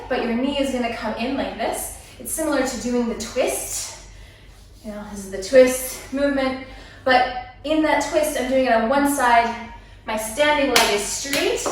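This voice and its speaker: Woman, dance teacher, playful, counts beats aloud, high voice, very echoey room, far from the mic. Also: a little hiss or hum. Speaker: dance instructor. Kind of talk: dance lesson walkthrough.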